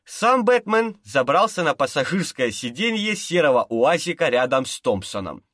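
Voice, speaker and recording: A man narrating an audiobook with lively, expressive storytelling. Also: on the high side, normal speed, no room sound, clean studio sound. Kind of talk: audiobook narration of a crime novel.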